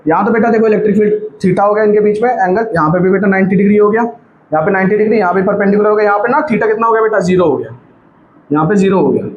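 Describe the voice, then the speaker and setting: A man's voice: high voice, rapid-fire, dull audio. A man teaching a physics lesson at a board, repeating points and checking that students follow, with light teasing asides. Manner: repetitive, coaxing, keeps checking students follow. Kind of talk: classroom lecture at a board. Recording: echoey room with faint background noise.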